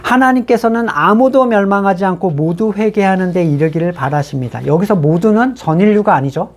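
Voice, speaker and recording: Pastor giving a sermon, chatty, reads a verse then breaks it down, asks the room questions, pitch all over the place. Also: animated, fairly quick. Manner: conversational, asks the congregation rhetorical questions; reads scripture aloud and then explains it plainly.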